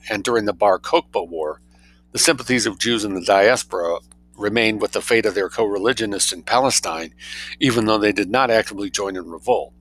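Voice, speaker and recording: Low, bright-voiced man reading as if dictating. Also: low-quality recording. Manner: dictating, speaks quote marks, citations and spellings aloud. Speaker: narrator reading a scholarly book aloud. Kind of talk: reading a scholarly text aloud.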